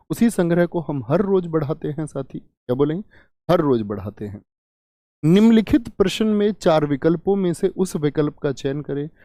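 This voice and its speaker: A man's voice: fairly high pitch, mellow, no echo, clean studio sound. A man teaching Hindi grammar in a live online exam-prep class, asking questions and repeating key words. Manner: asks and answers his own questions, repeats key words.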